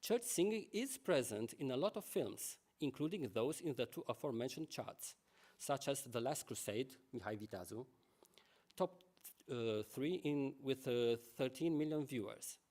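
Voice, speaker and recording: A man giving a conference lecture. He reads a prepared text at a measured pace and adds asides to the audience. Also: medium pitch, expressive, darkish tone.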